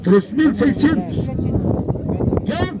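A man's voice: very high-pitched, sing-song, drawn-out words. A man working as a Spanish auctioneer at livestock sales, chanting rising bids in repetitive, rhythmic numbers. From Peru. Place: outdoor dirt livestock show ring. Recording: noisy outdoor fairground recording.

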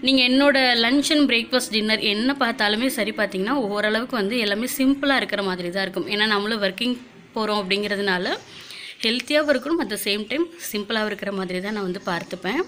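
Bright, fast-talking woman vlogger. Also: mid-range voice. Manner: chatty, with frequent filler words. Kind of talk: casual vlog narration.

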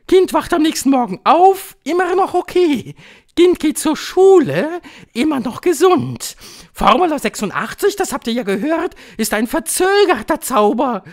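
Grand High Witch, shrill gloating old witch, man reading. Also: big pitch swings, a little slow, full character voice. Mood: gloating, commanding. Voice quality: shrill, thundering. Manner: gloating, commanding, clipped declarations. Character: shrill, triumphant, cruel old female witch queen. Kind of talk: audiobook reading.

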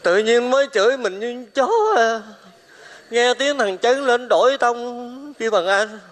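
A coarse, desperate beggar, Đạt. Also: male voice, very high-pitched, a little slow. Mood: resentful. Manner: coarse, rough, wheedling. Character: poor crude desperate man begging for money. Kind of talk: cải lương stage drama. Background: traditional music accompaniment.

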